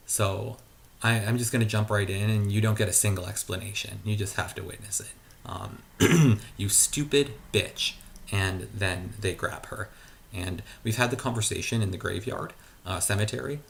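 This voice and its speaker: A man's voice: fairly low pitch, creaky, a bit bright. A man talking casually in his garage, rambling and hesitant, with many fillers and restarts. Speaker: vlogger. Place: garage at home.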